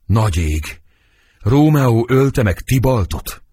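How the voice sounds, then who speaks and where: A man's voice: medium pitch, lively intonation, dark tone, breathy edge, no room sound, clean studio sound. Juliet, a desperate young girl, read by a man. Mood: anguished. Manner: impassioned verse reading. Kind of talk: dramatic verse reading.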